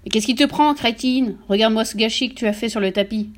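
A woman reading an audiobook aloud and voicing a loud, vain, dim-witted father who bellows and blusters. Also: medium pitch, little pitch movement, very fast, close to an everyday voice. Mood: bellowing.

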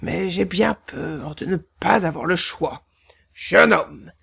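A woman's voice: fairly low pitch, slow, vocal fry, a bit bright, husky, full character voice. A woman voicing an impatient, fretful king who commands and bursts out in a storybook reading. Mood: grave. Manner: commanding, prone to outbursts.

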